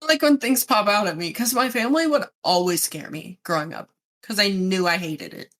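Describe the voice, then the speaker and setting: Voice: mid-range voice, moderate pace, fairly bright tone. A young adult podcast co-host trading playful, joking banter in casual chat.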